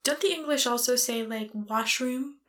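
A woman co-hosting a podcast with a high, bright voice. She chats casually in a playful way and laughs easily. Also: moderate pace. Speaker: podcast co-host. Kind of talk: casual chat.

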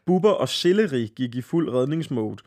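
A man hosting a podcast, reading a listener's story aloud in a lively, laughing way and stumbling over words now and then. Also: medium pitch. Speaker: podcast host.

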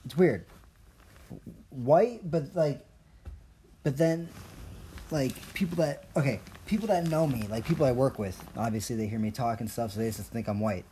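A young Colombian-born man hosts a podcast, delivering a casual, rambling monologue that's profane, jokey and self-mocking. His medium-pitched voice has a warm tone, and there's slight background noise.

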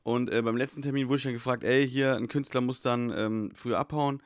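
Fast-talking comedian man, dry sound. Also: mid-range voice, clear, resonant tone, no room sound. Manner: rapid, animated anecdote-telling. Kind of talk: casual chat.

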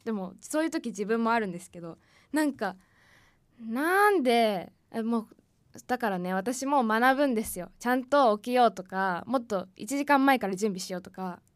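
Young woman radio host, casual giggly solo talk, slightly high-pitched, dry close mic. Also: a little fast, no echo. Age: 20s. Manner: chatty, giggly, animated.

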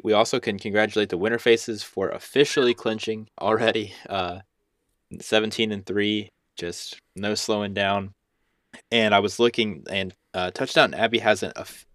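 A man's voice: fairly low pitch, fairly bright tone, no echo, clean studio sound. A young man co-hosting a casual podcast, rambling and self-deprecating, with lots of restarts and fillers. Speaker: podcast co-host and youth basketball coach.

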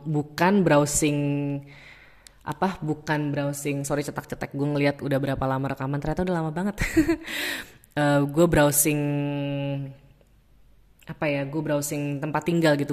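Low-voiced woman. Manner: lively, mixes in English, acts out quotes. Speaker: podcast host. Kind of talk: casual storytelling.

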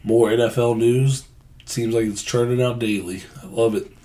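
A man hosting a casual sports podcast, with a raspy voice that sounds under the weather. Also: medium pitch, steady tone, moderate pace, warm tone. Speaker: podcast host.

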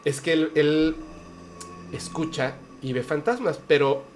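A man hosting a casual chat, telling lively anecdotes full of slang. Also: fairly high pitch, takes it slowly, slight background noise.

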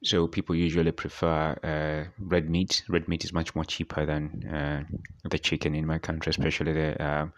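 A man from Tanzania, hosting a podcast and answering speaking-exam questions with many pauses and fillers. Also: a bass voice, flat delivery. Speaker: podcast host. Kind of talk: speaking-exam practice monologue.

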